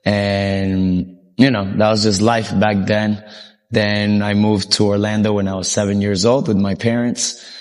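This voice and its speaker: A young man born in Colombia, a soccer coach, telling his life story in a casual interview, relaxed and rambling with frequent ums. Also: lowish voice, measured pace.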